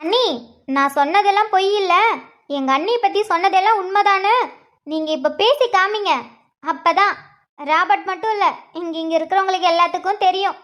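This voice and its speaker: A woman's voice: very high-pitched, fairly quick, fairly bright tone. A woman voicing an eager young sister-in-law who coaxes another woman to speak. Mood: coaxing.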